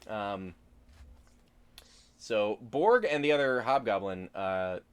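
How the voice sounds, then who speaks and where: Low-voiced man running a tabletop game. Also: animated, slow, clean tone. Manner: casual, hesitant explaining. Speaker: game master. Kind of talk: improvised tabletop game narration.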